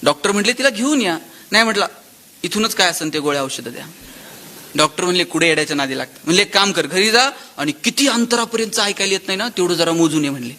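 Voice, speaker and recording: A man gives a motivational lecture in a high, bright voice. He tells stories animatedly, voicing the people in them and swinging between loud exclamations and hushed asides. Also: lively intonation, fast talker. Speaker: motivational speaker. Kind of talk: public lecture with storytelling.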